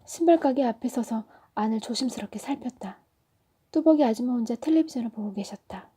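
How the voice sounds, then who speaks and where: A woman storyteller reading a children's story aloud in a soft, often whispery narration. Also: a little high, fairly quick, slightly rough.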